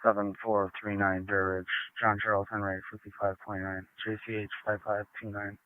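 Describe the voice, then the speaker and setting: A male officer speaks procedurally over police radio. His voice is fairly low and clear, in a dry transmission that sounds dulled. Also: level tone, a little fast, dry recording, phone-quality sound.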